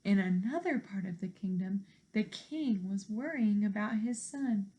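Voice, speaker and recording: A young woman reading a children's storybook aloud as a teacher, expressive, with deliberate emphasis. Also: medium pitch. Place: living room at home.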